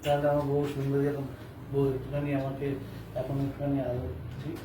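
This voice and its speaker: A man's voice: medium pitch, monotone, fairly quick. A man playing a husband in a home skit, talking in a playful, teasing way. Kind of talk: acted domestic skit. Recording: echoey room from a distance with noise.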